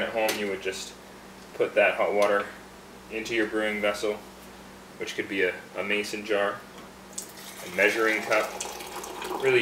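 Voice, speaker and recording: Standing behind a bar, a man with a fairly low voice gives a casual demonstration of brewing tea, chatty and relaxed and often pausing with fillers. He's a native English speaker. The room rings with echo, and steady background noise sits beneath his voice.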